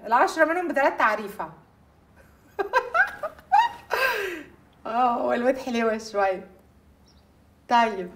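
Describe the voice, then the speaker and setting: An actress playing a jealous, hot-tempered young newlywed bride, speaking with an Egyptian Arabic accent in a quick, emotional, sharp-tongued way. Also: female voice, fairly high pitch. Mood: teasing chat. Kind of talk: film drama acting. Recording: film soundtrack music behind.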